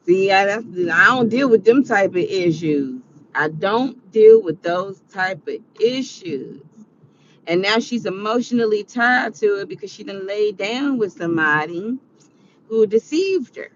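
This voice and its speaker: A woman's voice: mid-range voice, lively intonation, measured pace, muffled recording, a little hiss or hum. Earnest preachy woman in her forties. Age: 40s. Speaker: vlogger. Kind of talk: casual advice monologue.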